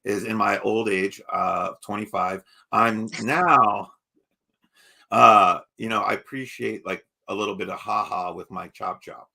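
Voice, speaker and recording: A man's voice: lowish voice, measured pace, vocal fry, bright, forceful tone. A man hosting a casual horror podcast, talking in a jokey, rambling, self-mocking way. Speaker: podcast host.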